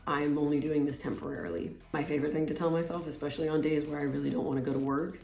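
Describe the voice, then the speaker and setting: A woman's voice: low-pitched, gravelly, darkish tone, soft background music. A woman in her late twenties chatting casually and informally, with lots of filler words, as she applies makeup. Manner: talking while applying makeup, with trailing pauses; informal, filler-heavy, says "like" constantly. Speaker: vlogger. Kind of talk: casual chatty get-ready-with-me monologue. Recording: roomy echo.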